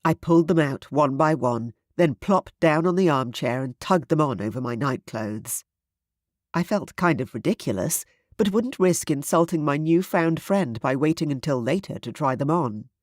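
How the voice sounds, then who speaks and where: An audiobook narrator with a synthetic-sounding voice reading first-person romance fiction in a smooth, even manner. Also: medium pitch, moderate pace, dry recording, studio quality.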